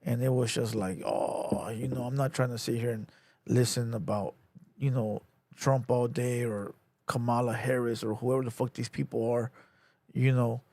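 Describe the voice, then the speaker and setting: A man's voice: mid-range voice, fairly even intonation, moderate pace, vocal fry, a little mellow, no echo. Laid-back man hosting a livestream. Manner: laid-back slang, lots of "you know" and "bro". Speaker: livestream host. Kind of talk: casual livestream commentary.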